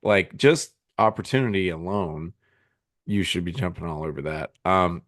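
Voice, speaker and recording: A man's voice: low voice, moderate pace, no room sound, studio quality. A man co-hosting a casual fantasy football podcast over a remote call, rambling with lots of fillers and restarts while he keeps hiccuping. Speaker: podcast co-host.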